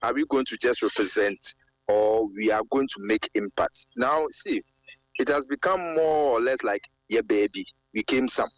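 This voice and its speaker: A man's voice: mid-range voice, moderate pace, dry recording, rough recording. A man from Ghana with a Ghanaian accent, calling a radio show over a car speakerphone while driving, talking with passion and repeating his phrases. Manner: impassioned, repeats phrases, builds to fervent exclamations. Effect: car speakerphone call. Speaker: radio caller.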